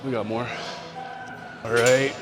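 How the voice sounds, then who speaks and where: A man's voice: medium pitch, takes it slowly. A man vlogging at the gym between sets, out of breath and talking to himself about his lifts. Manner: talks between sets, relaxed and self-talking. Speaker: fitness vlogger recovering from surgery. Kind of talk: casual gym vlog commentary. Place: gym, indoors. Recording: loud music behind. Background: loud gym music.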